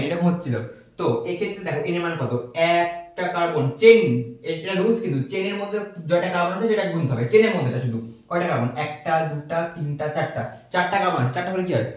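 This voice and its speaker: A man teaching a recorded chemistry lesson, patiently repeating each step and checking that students follow. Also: high voice. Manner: patient, repeats steps and asks checking questions. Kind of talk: recorded online lecture. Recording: echoey room.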